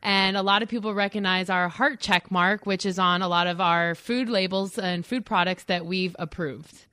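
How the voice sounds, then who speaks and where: Smooth-voiced woman radio guest from Florida. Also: medium pitch, steady tone, normal speed, pushed and bright, dry recording. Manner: earnest, explanatory, some fillers. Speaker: guest from a nonprofit. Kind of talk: radio interview answers.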